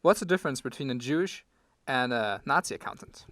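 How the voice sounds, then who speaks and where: A man co-hosting a comedy talk show, reading jokes deadpan and tossing in "beep, beep" like a computer. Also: mid-range voice, fairly quick, no room sound.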